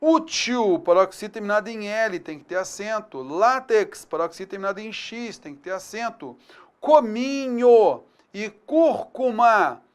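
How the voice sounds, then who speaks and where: A man with a Brazilian Portuguese accent teaches an online exam-prep grammar lesson, upbeat and energetic, loudly stressing key words. His high, clean voice moves a little fast with few pauses.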